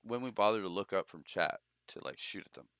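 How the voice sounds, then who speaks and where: A man's voice: on the low side, animated, fairly quick, noisy background. A young man hosting a game stream, talking loose and profane with plenty of laughs and bro talk. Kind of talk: casual gaming stream chat.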